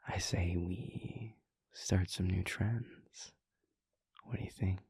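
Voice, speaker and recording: In an intimate roleplay audio, a man voices a playful, affectionate vampire prince boyfriend with a low, creaky voice and an easy conversational drawl. His delivery is halting and full of chuckles, teasing and playful in mood. The recording is dry and the performance heavily acted.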